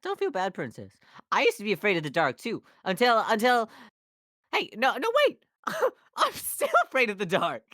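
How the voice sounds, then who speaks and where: A woman's voice: medium pitch, wildly swooping pitch, normal speed, fairly bright tone, no echo, studio quality. A woman voicing a jittery, talkative male donkey who stammers and rambles in an amateur fan dub. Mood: teasing.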